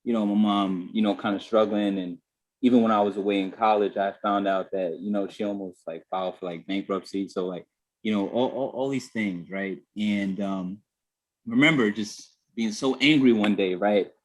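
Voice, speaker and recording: A man's voice: on the low side, moderate pace. A man on a group video call telling a candid personal story in a reflective way, full of "you know" fillers. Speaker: guest.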